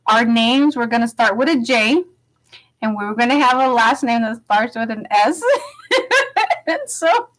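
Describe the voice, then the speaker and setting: A young woman telling a personal story in a soft, hesitant way, with many pauses and fillers. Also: a little high. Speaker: vlogger. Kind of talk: personal testimony.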